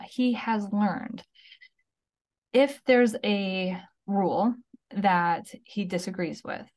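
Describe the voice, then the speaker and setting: A woman in her thirties talks through advice on a casual podcast. She is chatty and loose, peppering her points with "like" and quick "okay?" check-ins. Her voice sits at an ordinary middle pitch. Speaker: podcast co-host.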